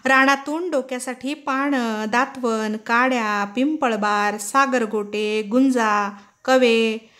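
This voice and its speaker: A woman giving an expressive, dramatic reading of a short story. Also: on the high side, takes it slowly. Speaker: story reader.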